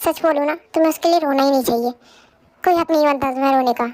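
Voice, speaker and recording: A resentful sister-in-law who scolds sharply, voiced by a woman. She sounds high-pitched and reproachful. The sound is close and dry, in a fan audio drama dub. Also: quick pace, a little mellow, no room sound, natural voice. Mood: scolding.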